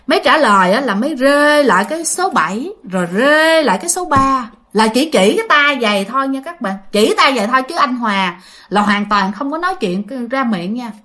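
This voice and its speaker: A woman's voice: high-pitched, lively intonation, a little fast, bright, forceful tone. A woman telling a ghost story casually and animatedly, repeating words for effect and talking straight to her listeners.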